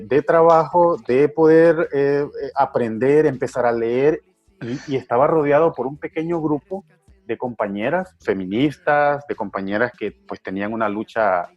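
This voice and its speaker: A middle-aged Honduran man who works with men's groups speaks reflectively in a mid-range voice. The conversation is full of fillers and repeated words, and the recording has its highs cut off.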